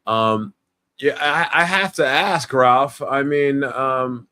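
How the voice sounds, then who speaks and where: A man hosting a live stream interview, enthusiastic and halting, with many fillers and restarts. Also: medium pitch, bright, forceful tone, clear, resonant tone. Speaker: livestream host. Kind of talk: casual interview.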